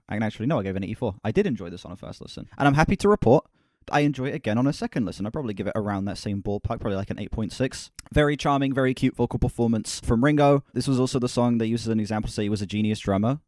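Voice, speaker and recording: A man's voice: lowish voice, darkish tone, no echo, clean studio sound. A man hosting a casual album reaction stream, talking candidly, swearing and correcting himself as he stumbles over words. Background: album music playing faintly.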